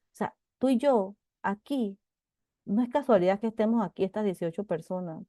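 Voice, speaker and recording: A middle-aged woman teaching a Bible class, talking in an animated, chatty way with many asides and restarts. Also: mid-range voice, dry recording, studio quality. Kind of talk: casual testimony in a Bible class.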